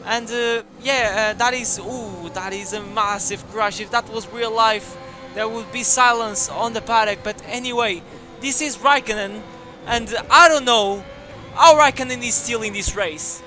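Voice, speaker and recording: Young male gaming commentator, very high pitched, energetic and jokey, shouts at big moments. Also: measured pace. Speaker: gaming YouTuber. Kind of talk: excited racing game commentary.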